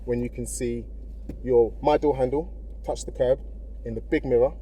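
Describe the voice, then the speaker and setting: Sitting in a car in a car park, a male driving instructor talks the learner through each step in a casual, encouraging way, often checking they're following. His mellow voice is medium-pitched, steady in tone and moderately paced, with vehicle noise in the background.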